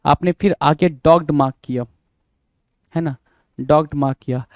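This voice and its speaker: Recorded dry, this fairly high-pitched male voice moves at a normal speed and sounds a little mellow. He has an Indian accent and is teaching English vocabulary for an exam. Each word gets repeated and spelled letter by letter, and he quizzes his listeners again and again.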